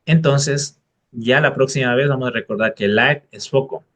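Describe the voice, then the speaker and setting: A man's voice: mid-range voice, moderate pace, fairly bright tone. Man giving upbeat language-learning tips. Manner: direct, encouraging advice to the viewer. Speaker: English tutor. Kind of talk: casual explainer video.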